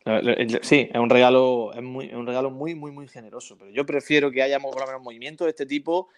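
A man's voice: mid-range voice, fairly even intonation, fast talker. Chatty man telling football stories. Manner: chatty storyteller, frequent tag questions. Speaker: podcast co-host. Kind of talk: casual football chat.

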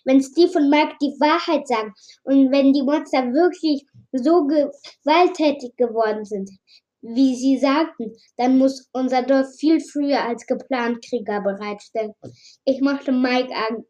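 Slow, high-voiced woman reading aloud. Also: dark tone, lo-fi sound. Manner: slow, with slips and restarts. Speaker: storybook reader. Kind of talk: casual reading of fan fiction aloud.

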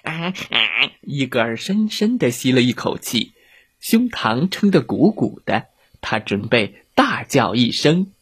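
A playful children's storyteller who talks straight to the kids, with a very animated, sing-song rise and fall. The voice is slightly breathy and husky, recorded close and dry with no room echo. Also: medium pitch, a little slow. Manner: lively, playful, addresses children directly.

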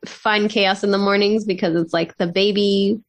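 A woman in her thirties from Southern California co-hosts a relaxed podcast chat. She talks in an upbeat, meandering way with lots of fillers and easy laughter, her pitch sitting in a middle range. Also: normal speed. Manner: chatty, upbeat, laughs often, scattered fillers. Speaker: podcast co-host. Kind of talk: casual chat.

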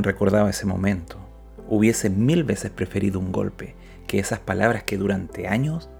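A man narrating a moral story and reflection in a measured, scripted way, with emphatic swells. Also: fairly low pitch, vocal fry, a little mellow.

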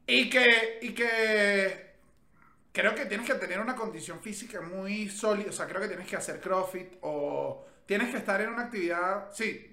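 A man with a Venezuelan Spanish accent rambles chattily as a podcast co-host, often restarting his sentences. His voice is high and bright, and it echoes around the room he records in. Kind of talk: casual chat.

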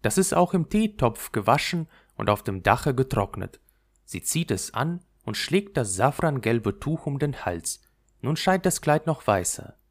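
A man narrating a fairy tale aloud. His mid-pitched voice moves in a lively, melodic line as he tells the story. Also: unhurried.

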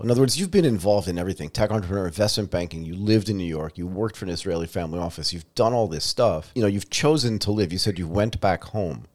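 A man hosting a podcast interview. His voice sits a bit low and swings widely in pitch. He asks long questions and jokes with his guest. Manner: lively, jokey questioner. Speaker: podcast host.

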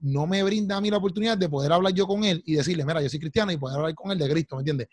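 A young man with a Puerto Rican accent, telling animated stories in a casual chat and calling his friends "loco" and "papi". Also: fairly high pitch, rapid-fire. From Puerto Rico. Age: young adult.

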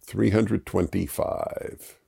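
A man's voice: low voice, steady tone, slow, creaky, mellow, slightly rough. A man hosting a casual chat with his viewers. He often restarts and repeats words as he digresses. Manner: laughs at himself while explaining. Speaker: host.

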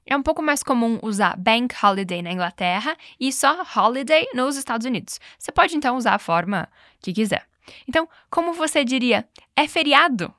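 A woman teaching English and running repeat-after-me drills, speaking clearly and patiently and slowing down on model phrases. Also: on the high side, expressive, a bit bright, no echo, clean studio sound. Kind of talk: bilingual language lesson with repeat drills.

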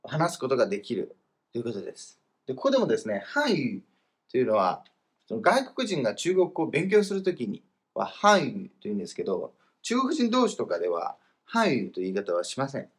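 Lively male language teacher explaining patiently. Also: medium pitch. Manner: lively, explanatory, slows down for example phrases. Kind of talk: explanatory lesson, casual podcast. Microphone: voice message recording.

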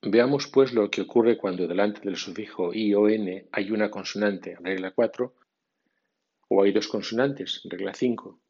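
A man teaching English pronunciation in a scripted podcast lesson, reading rules and word lists slowly and deliberately. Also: on the low side, gravelly, a little mellow, breathy edge, lo-fi sound.

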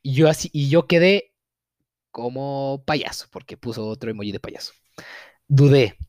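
A young man with a Mexican accent recounts a viewer's story casually, swearing and acting mock-outraged while laughing often. His medium-pitched voice has lively intonation, a moderate pace and a darkish tone, captured in a dry, clean studio recording.

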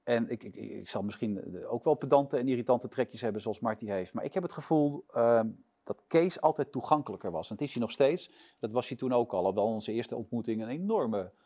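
A man tells a story at a quick clip, his voice jumping up whenever he acts out someone shouting. He sits as the guest in an interview and keeps the tale rolling. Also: medium pitch. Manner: lively storyteller acting out shouted quotes. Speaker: interview guest, sports presenter. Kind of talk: animated anecdote telling.

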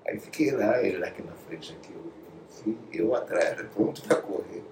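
A man's voice: lowish voice, normal speed. A Brazilian man telling studio anecdotes in a casual interview, acting out quotes and dropping to whispers. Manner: animated storyteller, acts out quotes, drops to whispers. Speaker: guest. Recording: echoey room, distant mic, faint noise.

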